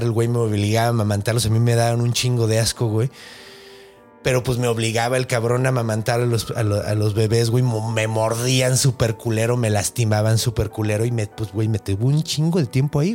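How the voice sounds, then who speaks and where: A man's voice: medium pitch, fairly quick, a little mellow, faint music behind, pitched below the performer's own voice, close to an everyday voice. A man with a Mexican accent voicing a young woman who escaped a monster, talking crude street slang and tagging nearly every phrase with "güey". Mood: crude, recounting. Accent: Mexican Spanish.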